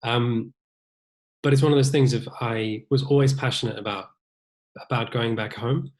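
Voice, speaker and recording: A young New Zealand man with a British accent, a violinist guest in a casual interview, talks thoughtfully, often restarting sentences and using fillers. His medium-pitched, slightly mellow voice is fairly even at normal speed, on a rough recording.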